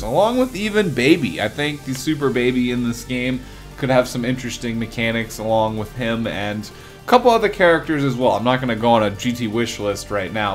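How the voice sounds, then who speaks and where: Chatty young man talking game news. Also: medium pitch. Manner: chatty, rambling, with fillers. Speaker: gaming video host. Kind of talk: casual commentary on game news.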